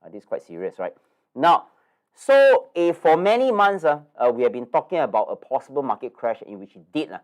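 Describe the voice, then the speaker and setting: A man's voice: a little high, animated, moderate pace. A man hosts a live investing webinar, chatty and nasal, full of fillers and tag questions. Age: 50s. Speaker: investing course host.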